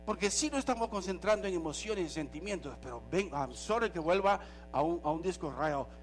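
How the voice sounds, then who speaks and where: A male pastor preaching a sermon in an animated way, slipping in English phrases now and then. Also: sits high, brisk, a little hiss or hum.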